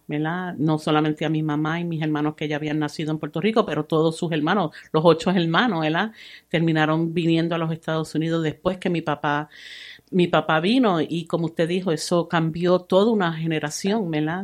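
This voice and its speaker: A middle-aged woman hosting a community radio show, friendly and curious, slipping English words into her questions. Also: deep voice.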